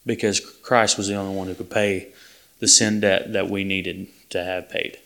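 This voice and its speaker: A man delivers a sermon to his congregation. His slightly low voice carries an earnest, plain-spoken manner. He often stops and restarts mid-sentence. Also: little pitch movement, moderate pace, fairly bright tone, a little hiss or hum. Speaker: preacher.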